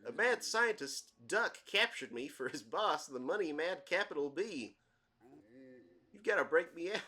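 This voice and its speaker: A man's voice: on the high side, lively intonation, unhurried, bright, forceful tone, voice pushed up. A man voicing a pompous, boastful magical talking book in a goofy cartoonish voice.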